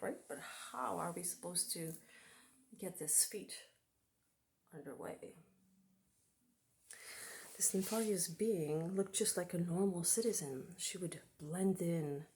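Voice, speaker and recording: Slow, whispery woman telling a spooky tale. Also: on the low side. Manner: often drops into a hushed whisper, dramatic; speaks warmly to the viewers as friends. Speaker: host telling a Halloween story. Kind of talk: spooky storytelling.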